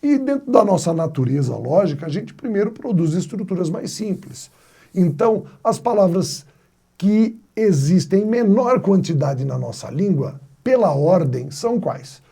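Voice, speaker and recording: A man's voice: high-pitched, expressive, normal speed, gravelly, dark tone, breathy edge. A man teaching a grammar video lesson, explaining step by step and posing rhetorical questions to his students. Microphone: wired mic.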